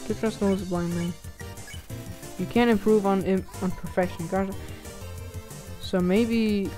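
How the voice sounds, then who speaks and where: A woman chats through a video game in a casual let's-play, reading the on-screen text aloud and reacting in short asides. Her voice sits at an ordinary middle pitch. Faint game music plays behind her. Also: steady tone, a little slow, warm tone. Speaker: gaming channel host.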